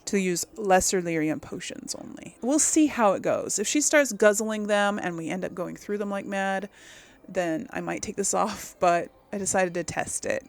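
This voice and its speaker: A woman streaming video games hosts her role-play series with casual, conversational gameplay commentary, thinking aloud as she goes. Her voice is medium-pitched and creaky, at a normal speed.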